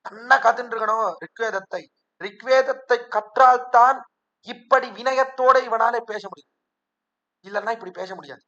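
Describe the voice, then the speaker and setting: High, bright-voiced man giving a devotional discourse. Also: moderate pace, dull audio. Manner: storytelling, acts out characters' speech. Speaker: religious discourse speaker.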